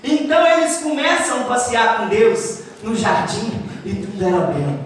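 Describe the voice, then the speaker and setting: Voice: medium pitch, big pitch swings, moderate pace. A preacher at a church camp tells a Bible story while volunteers act it out. The preacher talks straight to the crowd and gives playful stage directions. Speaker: preacher leading a camp skit. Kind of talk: lively sermon storytelling with volunteers acting it out. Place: large echoing hall at a church camp. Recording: echoey hall from far off.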